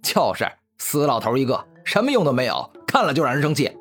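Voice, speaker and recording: A scornful young brat backing up his brothers, voiced by a male narrator. His pitch moves lively. Soft music sits behind him. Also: brisk.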